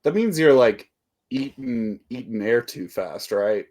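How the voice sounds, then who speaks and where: This man co-hosts a podcast, chatting casually and rambling in a self-deprecating way with frequent laughter. His voice is medium-pitched and darkish, expressive, and unhurried.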